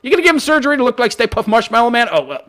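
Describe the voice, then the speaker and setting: A man's voice: very high voice, sing-song, racing, a bit bright. A man hosting an opinion commentary show, reading out news and mocking it in a brash, coarse-mouthed, exaggerated way. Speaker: host of a commentary channel.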